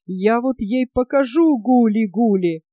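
A woman voicing a gruff, strong old man who growls hoarsely and shouts threats. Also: on the high side, unhurried, no echo. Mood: growling.

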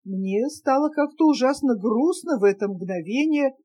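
A woman reading a literary audiobook, with expressive, measured storytelling. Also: high voice, breathy edge. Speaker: audiobook reader.

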